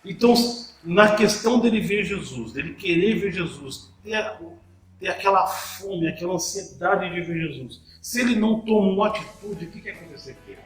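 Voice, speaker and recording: A man's voice: high-pitched, expressive, fairly quick, reverberant, faint music behind, low-quality recording. A man preaching a sermon, asking the listeners rhetorical questions and often repeating words as he restarts a thought.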